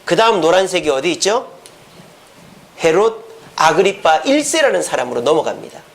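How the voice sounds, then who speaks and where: A middle-aged male pastor preaching a lively storytelling sermon, often asking the congregation questions. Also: fairly high pitch, moderate pace, vocal fry.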